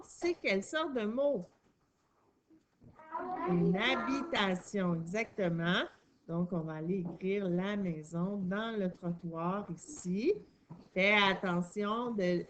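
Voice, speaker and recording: A woman with a Quebec French accent teaches a young child to read and copy words, taking it one careful step at a time. She talks slowly and patiently, with a voice of middling pitch. A faint noise sits under her voice. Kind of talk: reading and writing lesson for a young child.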